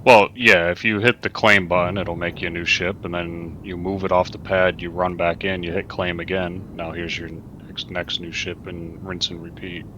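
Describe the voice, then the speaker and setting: A man's voice: low voice, level tone, normal speed, hardly any pauses, sharp tone, highs cut off, a little hiss or hum. A man in casual gaming chat, explaining things in a matter-of-fact way. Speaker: gaming friend.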